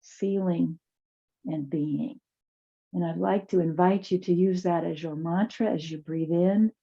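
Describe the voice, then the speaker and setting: A woman teaching chair yoga, guiding movement and relaxation in a soft, soothing, unhurried way with pauses. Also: on the low side, steady tone, lo-fi sound. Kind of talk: guided yoga class and relaxation.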